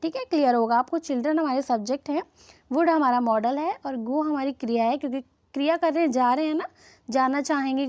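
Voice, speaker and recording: A woman teaching English grammar to Hindi speakers, checking in with "okay?" after each point and reading example sentences slowly. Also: high-pitched, a little mellow, dry recording. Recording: slightly dull, lo-fi sound.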